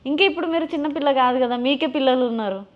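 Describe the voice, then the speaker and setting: A woman's voice: high voice, fast talker. A woman interviewing a guest with probing, direct questions. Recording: muffled recording.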